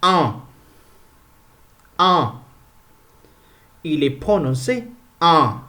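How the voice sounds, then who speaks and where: Slow, deliberate male pronunciation teacher. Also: fairly high pitch, very animated, sharp tone. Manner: repeats each sound slowly and clearly.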